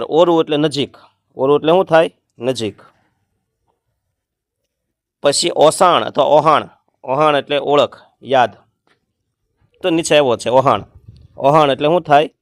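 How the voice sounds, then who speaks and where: A man's voice: fairly high pitch, no echo. Man teaching vocabulary, dry sound. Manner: explains word meanings, chants verses slowly. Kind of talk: exam-prep grammar lesson.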